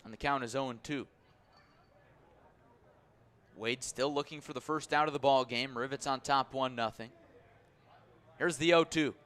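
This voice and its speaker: In this live radio broadcast, the man calling the baseball game play by play sounds measured between pitches, then grows excitable on big plays.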